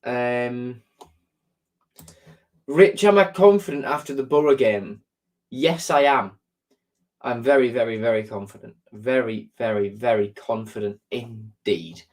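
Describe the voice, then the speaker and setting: Hosting a live stream, a man with a mid-range voice chats easily with viewers, reading their comments aloud and responding at a measured pace with long pauses. He sounds congested, with a sore throat and blocked nose, and rambles with ums and repeated words.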